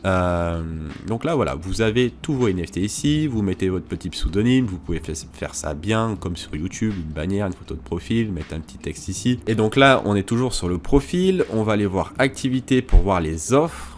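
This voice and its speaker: A man's voice: fairly low pitch, lively intonation, normal speed, slight background noise. A man hosting a crypto tutorial, talking casually through a screen walkthrough with hesitations and asides.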